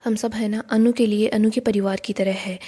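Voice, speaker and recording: Woman reading lines for a loyal outspoken friend standing up for her pal, firm, warm tone. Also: mid-range voice, fairly even intonation, normal speed, husky, lightly acted. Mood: defending. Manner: firm, defending.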